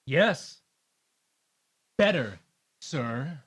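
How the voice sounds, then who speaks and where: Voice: medium pitch, expressive, drawn-out words, breathy edge, heavily acted. A reader playing a boastful young male servant, hesitant with fillers, in an amateur script reading.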